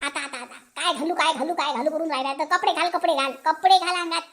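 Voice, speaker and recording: A woman's voice: sits high, fast, a bit bright. Woman voicing an exasperated older cartoon mother. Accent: Vidarbha Marathi. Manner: exasperated and teasing. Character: scolding older mother of the husband. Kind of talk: cartoon voice acting.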